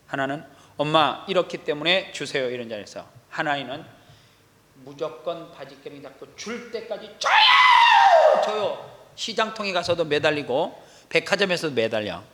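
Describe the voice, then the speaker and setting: A man preaching an animated sermon as a pastor, acting out quoted voices with sudden loud outbursts. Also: a little high. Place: church sanctuary. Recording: long echo of a large hall.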